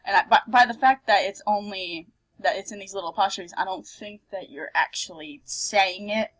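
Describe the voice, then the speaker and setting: A playful, expressive woman hosting a let's play, switching between reading game text aloud and casual commentary. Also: medium pitch, moderate pace, rough recording.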